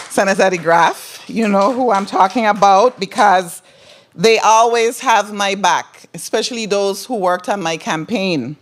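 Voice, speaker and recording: A middle-aged woman from Saint Croix with a Crucian Virgin Islands accent, giving a ceremonial thank-you speech as a new senator and addressing her audience directly with personal asides. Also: medium pitch. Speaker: newly elected senator.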